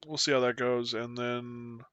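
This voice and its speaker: A man's voice: mid-range voice, level tone, unhurried, sharp tone, clean tone, no echo, highs cut off. A young man chatting casually with his viewers at the end of a live stream, sleepy and rambling in a self-deprecating way. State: sleepy, yawning. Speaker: Twitch streamer.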